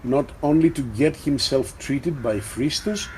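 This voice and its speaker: Dark-voiced man as game master. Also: a little high, a little hiss or hum, rough recording. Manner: descriptive, measured narration with asked rolls. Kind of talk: narrating a tabletop role-playing game.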